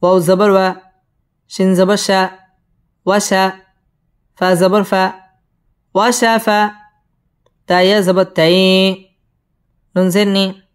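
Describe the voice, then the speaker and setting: Guy teaching quran reading, spells it out syllable by syllable super slow, smooth clean voice, then sings the verse. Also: little pitch movement. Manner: spells each syllable slowly, then chants the verse melodically; explains tajweed rules quickly in a lower, plainer voice.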